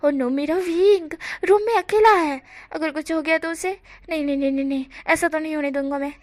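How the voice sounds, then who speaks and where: A woman's voice: high voice, moderate pace, a bit bright, no room sound, clean studio sound. A woman voicing a devoted young man who speaks eagerly and frets. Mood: worried. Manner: eager, fretful.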